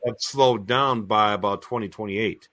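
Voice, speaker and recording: A man with a fairly low voice co-hosts a live-streamed talk. He speaks earnestly and with emphasis. He repeats himself as he presses his points. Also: unhurried, fairly bright tone. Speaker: co-host of a prophecy talk stream. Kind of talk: casual live-stream discussion.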